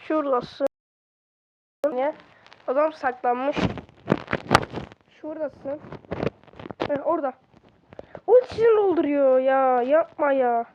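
A woman giving casual gameplay commentary from a bedroom at home, excitable and quick to exclaim and grumble at opponents. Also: high-pitched, background noise. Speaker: gaming video creator. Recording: slightly dull lo-fi recording.

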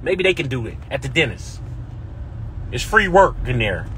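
A man's voice: medium pitch, very animated, moderate pace, a bit bright, slight background noise. A man with a Californian accent, ranting defiantly and repeating himself, talking into a phone inside a car on the freeway. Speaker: vlogger. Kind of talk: heated live-stream rant.

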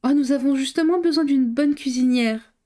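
A woman voicing a cheerful, spontaneous young woman who talks in a bright, lively way. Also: high voice, normal speed, pitched above the performer's own voice, natural voice.

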